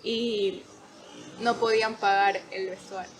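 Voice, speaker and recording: A woman in her twenties, a podcast guest, telling stories in an animated way, laughing often and acting out quotes. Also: medium pitch, slow, background noise. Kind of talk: casual storytelling.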